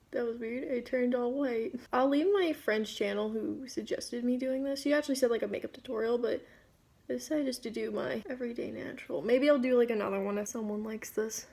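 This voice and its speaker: Female beauty vlogger, higher register, casual rambling makeup-tutorial chat. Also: vocal fry, darkish tone. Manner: informal, rambling, self-interrupting asides.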